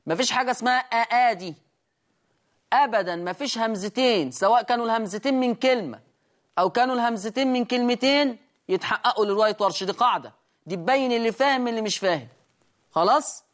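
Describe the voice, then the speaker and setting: A man with an Egyptian accent teaching the rules of Quran recitation, explaining each rule and chanting slow examples to show it. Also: high-pitched, fairly bright tone. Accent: Egyptian Arabic. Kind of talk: recitation lesson.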